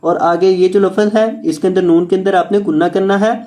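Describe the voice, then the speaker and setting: A man teaching Quran reading step by step, explaining rules quickly and then chanting each word slowly and drawn out. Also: sits high, steady tone, a little mellow. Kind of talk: step-by-step recitation lesson.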